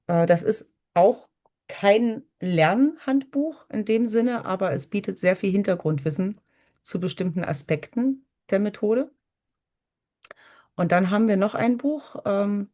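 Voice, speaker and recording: Woman co-presenter explaining stuff informally, lowish dark soft-edged voice.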